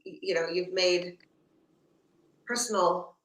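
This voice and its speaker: A woman with a slight lisp, like someone wearing a retainer, talks reflectively and haltingly, searching for her words in an unscripted discussion. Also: lowish voice, steady tone. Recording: echoey, roomy sound.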